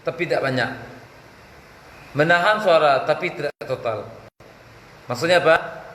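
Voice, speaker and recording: Male Quran teacher with a Minangkabau-tinged accent, a little high-pitched, asks and answers his own questions, chants examples, echoey room. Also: a bit bright. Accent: Minangkabau-tinged Indonesian. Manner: explains by question and answer, chants verses slowly. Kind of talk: tajwid lesson with chanted examples. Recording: echoey room with faint background noise.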